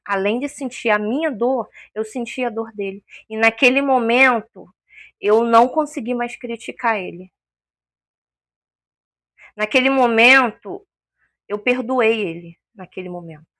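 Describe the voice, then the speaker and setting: A woman's voice: on the high side, unhurried, fairly bright tone, dry recording, clean studio sound. A woman giving an emotional personal testimony as an interview guest, a vivid storyteller who acts out the voices she quotes.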